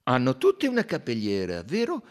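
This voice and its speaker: A man's voice: mid-range voice, wildly swooping pitch, normal speed. A man voicing a fussy little Belgian male detective who mutters and insists. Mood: puzzled, commanding.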